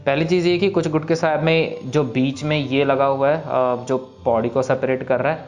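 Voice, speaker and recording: A man teaching scripture pronunciation, explaining briskly and then reciting each verse slowly and evenly. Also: medium pitch, fairly even intonation. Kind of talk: pronunciation lesson with slow recitation. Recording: slightly dull recording, soft background music.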